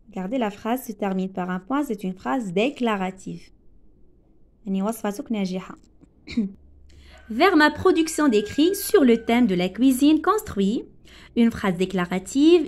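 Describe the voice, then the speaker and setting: A woman teacher going through French grammar examples, reading each sentence aloud and then quickly translating it into Arabic. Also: a little high, a little mellow. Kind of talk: grammar lesson explaining sentence types.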